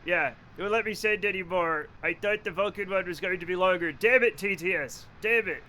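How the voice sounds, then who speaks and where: Speaking briskly in a high, sharp voice, a Rhode Island livestreamer rambles and jokes through casual chat while gaming, cursing freely and laughing often. There is slight background noise.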